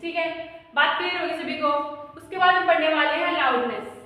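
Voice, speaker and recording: High-voiced teacher in an echoey room. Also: female voice, sharp tone. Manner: repeats questions and answers them herself; dictates definitions slowly for notes. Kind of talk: classroom physics lesson. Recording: very echoey room, far from mic.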